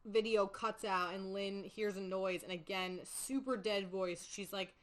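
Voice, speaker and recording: A woman's voice: mid-range voice, measured pace, rough recording. Chatty young woman recapping a movie. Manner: chatty, animated storytelling with many fillers. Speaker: podcast host. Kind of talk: casual movie recap chat.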